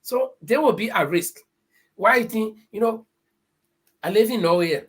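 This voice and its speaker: A man's voice: sits high, animated, a little slow, a bit bright, breathy edge. A middle-aged man in a casual discussion, speaking with emphatic, preachy warnings.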